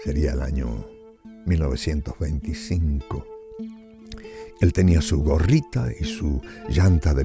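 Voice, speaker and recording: A man in his seventies from Salta, in northern Argentina, reads his own stories in a low voice with vocal fry. With his northern Argentine accent, he narrates family memories, adding conversational asides along the way.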